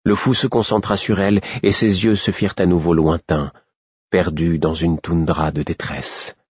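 A man narrating a first-person audiobook in a slow, grave, weary way. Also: sits low, steady tone, darkish tone, husky, dry recording, muffled recording.

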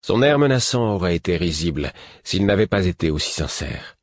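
A man narrating a novel in a measured, low storytelling manner. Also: sing-song, no echo, clean studio sound. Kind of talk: audiobook narration.

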